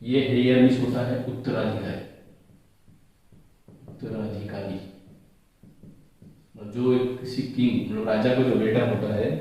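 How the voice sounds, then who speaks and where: A man's voice: lowish voice, flat delivery, measured pace, pauses often, dull audio. A male English grammar teacher who goes through slides step by step, repeats each rule and asks and answers his own questions. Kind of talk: slide-based grammar lesson. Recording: very echoey room, voice from a distance.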